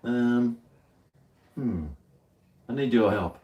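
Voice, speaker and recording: A man's voice: mid-range voice, very slow, muffled recording. An Australian man chatting casually to viewers over a beer, rambling in a laid-back, slangy, working-bloke way. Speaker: livestream host. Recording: roomy echo, distant microphone.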